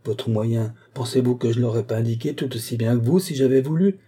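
A man's voice: medium pitch, steady tone, fairly quick, dark tone, slightly rough, natural voice. A man reading an audiobook voices a scolding, disdainful woman who keeps house for a priest.

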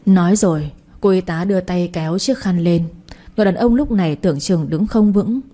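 A woman reading a first-person story aloud with slow, emotional delivery. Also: lowish voice, warm tone.

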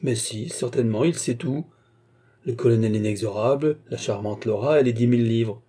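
A man reading aloud, voicing a cheerful, teasing male painter in a husky, dark voice. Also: medium pitch, normal speed, lightly acted. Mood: amused. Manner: breezy, teasing.

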